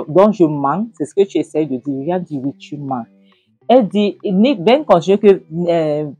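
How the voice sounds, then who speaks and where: A woman retelling a film plot scene by scene, acting out the characters' shouted lines as she goes. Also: low voice, husky, dry recording, dull audio. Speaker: film recap narrator.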